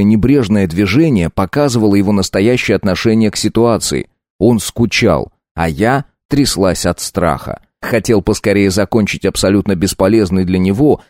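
A man narrating an audiobook in a steady, measured way. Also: on the low side, no room sound, clean studio sound. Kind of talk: scripted narration.

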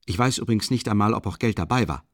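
A man's voice: fairly low pitch, quick pace, no echo, clean studio sound, natural voice. A man reading an audiobook voices a tormented young man, agitated, musing half aloud with bitter mockery.

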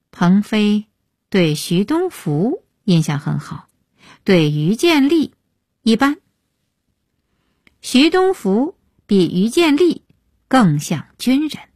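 Slow, husky woman storyteller. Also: medium pitch, dry recording, clean studio sound. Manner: slow, measured, expressive reading. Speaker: audiobook narrator. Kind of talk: scripted storytelling narration.

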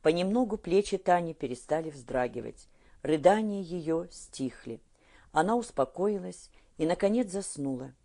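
A woman narrating a historical novel as an audiobook reader, in a steady storytelling manner. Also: lowish voice, moderate pace. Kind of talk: scripted narration.

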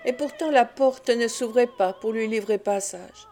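A woman reading a classic novel aloud as an audiobook, in a measured, expressive way. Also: fairly high pitch, soft background music. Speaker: audiobook narrator. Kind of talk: scripted narration of a classic novel.

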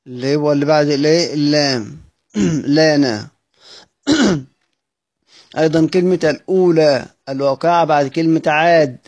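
A man with an Egyptian Arabic accent teaches Quran recitation rules from a classical text. He repeats phrases slowly, asks questions and answers them himself, and clears his throat often. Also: fairly high pitch, a little mellow. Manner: repeats words slowly, drawn out for emphasis.

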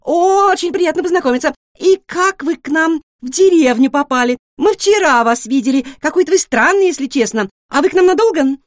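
A woman's voice: sits high, dry recording, studio quality, pitched above the performer's own voice. A woman voicing a chatty, nosy young female guinea pig in a storybook, firing off questions one after another. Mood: chattering. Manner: rapid-fire questions, excitable and squealing. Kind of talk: storybook reading.

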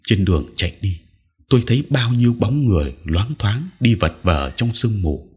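Low husky male narrator, steady scripted storytelling. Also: moderate pace.

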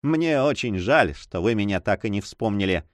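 A man's voice: on the low side, lively intonation, moderate pace, no room sound, close to an everyday voice. A self-assured adventurer who toys with his listener, as a male reader voices him. His talk rises and falls with playful emphasis. Close, dry storybook reading. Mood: mocking. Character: mocking confident French adventurer, adult male.

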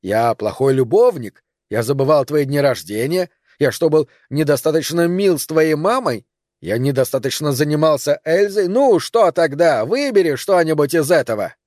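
A man's voice: a little high, no echo, studio quality, pitched above the performer's own voice, close to an everyday voice. A man doing a desperate, jealous man. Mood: pleading, furious. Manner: loud, pleading, rapid-fire questions. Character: desperate jealous man, pleading then raging.

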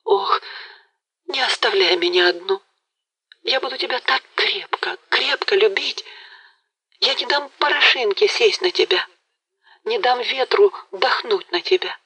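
A woman's voice: mid-range voice, slow, long pauses, bright, forceful tone, slightly rough, pitched above the performer's own voice, exaggerated voice, low-quality recording. A woman voicing a tearful young girl in love. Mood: pleading. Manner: faltering, breathless, pleading. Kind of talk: audiobook character reading.

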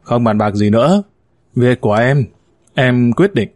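A man voicing a spoiled, demanding young man who wails loudly in a high voice, read as part of a spoken story. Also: expressive, unhurried, dry recording, studio quality, lightly acted. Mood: stubborn. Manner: wailing, high and loud.

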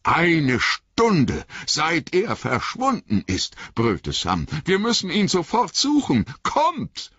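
A man's voice: medium pitch, big pitch swings, takes it slowly, sharp tone, slightly rough, dry recording, voice pushed up, exaggerated voice. A man voicing a stubborn, loyal male hobbit servant who talks in an earnest, folksy, agitated way. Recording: dry, slightly dull audio.

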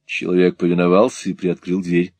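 Low, husky male audiobook narrator. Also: completely flat delivery, brisk, darkish tone, no room sound. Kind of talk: scripted narration of a classic novel.

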